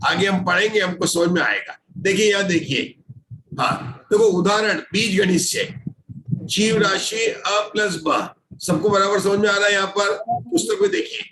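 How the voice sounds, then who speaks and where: A man's voice: high voice, animated, moderate pace, pushed and bright, roomy sound, slight background noise, rough recording. A man teaching an online scripture class, patiently explaining formulas step by step and checking often that everyone follows.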